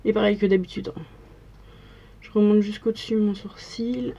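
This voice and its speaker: A woman's voice: medium pitch, steady tone, normal speed, creaky, mellow, dull audio. A young woman chatting casually through a makeup tutorial, narrating each step as she works in front of the camera. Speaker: makeup vlogger.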